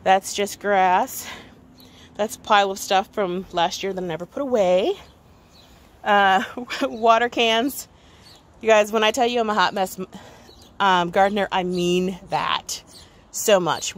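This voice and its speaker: Speaking a little slowly in a mid-range voice, a woman leads a casual, unscripted tour of her garden from a home deck. She's a gardening vlogger, describing things as she points them out.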